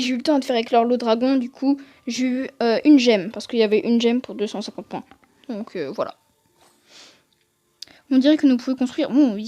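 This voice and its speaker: A woman with a high-pitched voice chatting through her gameplay, joking and poking fun at herself. She talks close to a desk microphone, and the sound is dry, with no room echo. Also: warm tone. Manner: joking, chatty, self-mocking. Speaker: gaming video host. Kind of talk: casual gameplay commentary.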